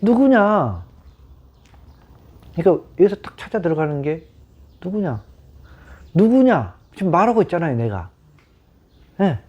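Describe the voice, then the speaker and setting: A man's voice: high-pitched, sing-song, unhurried, long pauses, darkish tone, slightly rough. A man giving a Buddhist dharma talk to a small group, questioning them and repeating key words. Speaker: meditation teacher. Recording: dull lo-fi sound.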